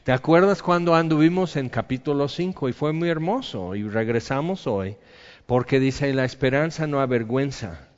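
A man preaching a sermon, swinging between loud emphatic lines and soft quiet ones. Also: mid-range voice, moderate pace, long reverb tail, muffled recording. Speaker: pastor.

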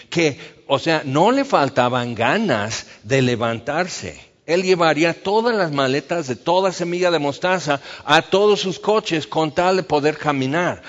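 A man preaching a sermon in a conversational way, acting out the voices he quotes. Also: on the high side. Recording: dull sound with long reverb.

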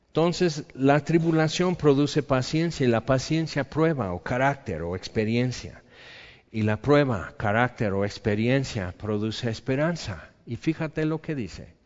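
Slow-preaching man in a reverberant hall. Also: medium pitch, muffled recording. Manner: preaching with emphatic swings between loud and soft. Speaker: pastor. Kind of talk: sermon.

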